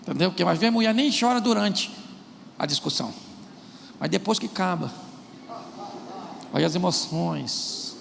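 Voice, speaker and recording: A man's voice: high-pitched, normal speed, creaky, long pauses, slight background noise. A man preaching a sermon, using humor and acting out married couples' quarrels. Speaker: pastor. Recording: large hall with long reverb.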